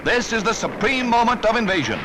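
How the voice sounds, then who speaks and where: An American man reads scripted 1940s newsreel narration, urgent, dramatic and declamatory, on a vintage soundtrack. His voice sits high and sing-song, moving a little fast over loud music and a noisy background.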